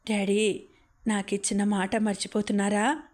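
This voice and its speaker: A woman reading the lines of a gravely ill young woman in a weak, gentle, halting way. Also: mid-range voice, level tone, natural voice. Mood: tender, weak.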